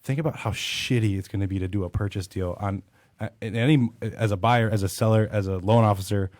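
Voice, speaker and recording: A lowish-voiced man talks fast and bluntly on a podcast, swearing as he goes. The sound is dry and close. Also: darkish tone, no room sound. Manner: blunt, profane, quick. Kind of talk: casual podcast conversation.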